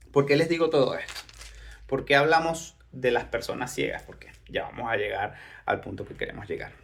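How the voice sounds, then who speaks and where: A man's voice: fairly high pitch, vocal fry. A male preacher delivers a Bible-teaching sermon, reading verses aloud and then unpacking them. He talks the congregation through the passage, leaning on rhetorical questions to keep them following along. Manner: explanatory, rhetorical questions, reads scripture then comments.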